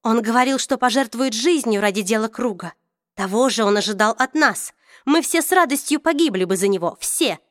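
A woman's voice: on the high side, lively intonation, brisk, dry recording, studio quality, close to an everyday voice. A woman reading an audiobook, voicing a bitter, proud middle-aged woman who accuses and argues intensely. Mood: bitter, heated.

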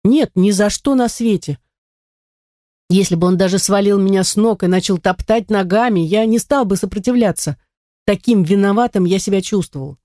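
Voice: medium pitch, normal speed, dark tone, no echo, clean studio sound, pitched above the performer's own voice, lightly acted. A reader voicing an earnest teenage boy who confesses with remorse. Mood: remorseful.

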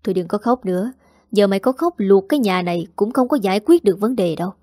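A woman's voice: mid-range voice, animated, fast, no room sound, studio quality, close to an everyday voice. Woman reading as a stern scolding mother. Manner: sharp, scolding.

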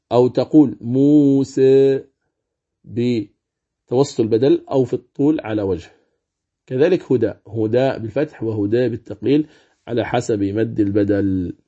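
A man teaching Quran recitation rules, explaining calmly and chanting example words slowly. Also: medium pitch, husky. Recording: dull lo-fi recording.

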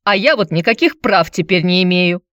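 A woman's voice: expressive, normal speed, fairly bright tone, dry recording, muffled recording. A woman voicing a quarrelsome, hard-drinking woman who answers in a snappish, sarcastic way. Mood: indignant. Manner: snappish, sarcastic, shrill when riled.

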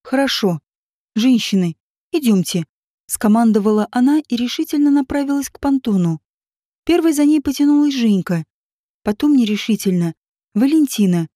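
A woman narrating an audiobook in a steady, even reading voice. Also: fairly high pitch, normal speed, no room sound, clean studio sound.

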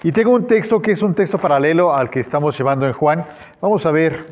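A man preaches a sermon as pastor in a relaxed conversational way, filling pauses and acting out the quoted lines. His voice sits a little high. The recording is dull and lo-fi.

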